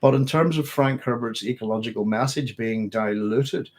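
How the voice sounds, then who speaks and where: It's a late-night live Q&A on a science fiction channel, and the host, a man with a mid-range voice and moderate pace, answers viewers' questions. He's rambling and conversational, frequently correcting himself mid-thought.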